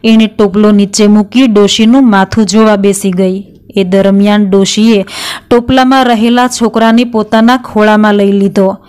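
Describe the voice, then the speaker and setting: A middle-aged woman narrating a devotional folk tale in a steady, plain storytelling manner. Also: mid-range voice, normal speed, smooth. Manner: steady, plain storytelling with quoted dialogue read in the same voice.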